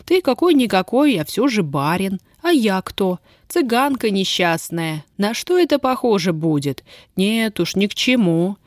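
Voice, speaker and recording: A woman reading an audiobook, voicing a proud, poor young Roma woman who scolds and then coaxes softly. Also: medium pitch, big pitch swings, a little slow, few pauses, no room sound, clean studio sound. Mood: wry. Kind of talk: audiobook character voice.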